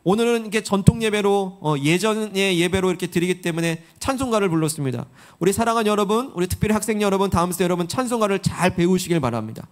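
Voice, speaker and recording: A man with a notably high voice preaches in a church sanctuary. He speaks earnestly, drawing his congregation in with questions and call-and-response. The tone is that of a pastor leading a sermon. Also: expressive, fast talker.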